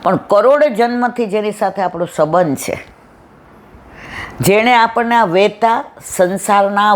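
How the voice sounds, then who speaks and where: Middle-aged woman, devotional speaker, mid pitch, storyteller who acts out both sides of a conversation. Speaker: satsang speaker. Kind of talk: devotional talk with anecdotes.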